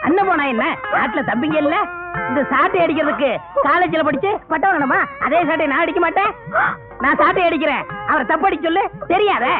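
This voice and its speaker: A man's voice: very high voice, fairly quick. An actor playing a cheeky man wooing a woman in an old film comedy scene, coaxing and teasing. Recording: dull film audio over loud music.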